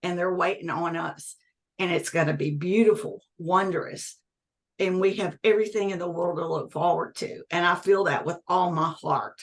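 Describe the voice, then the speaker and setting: This interview guest is a woman in her sixties whose lowish voice moves at normal speed. Conversational yet emphatic, she speaks with earnestness and keeps repeating important phrases.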